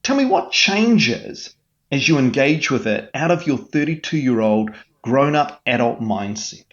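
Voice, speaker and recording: In a lo-fi recording, a man with a mid-range, animated voice speaks at a measured pace. He's a mental health guest being interviewed, explaining earnestly like a coach and often starting over mid-thought.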